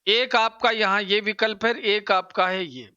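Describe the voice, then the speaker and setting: A man teaching an English exam-prep lesson, explaining slowly and repeating pronunciations for his students. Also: high voice, steady tone, bright, forceful tone, clean tone, no room sound, highs cut off.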